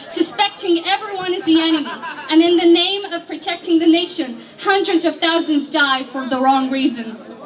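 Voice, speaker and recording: A woman's voice: high voice, fairly bright tone. A young woman from Iraq, giving an earnest, emphatic rally speech with a few nervous restarts. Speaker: rally speaker and organizer. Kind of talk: outdoor rally speech, partly read from notes. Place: outdoor protest rally. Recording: distant mic with crowd behind.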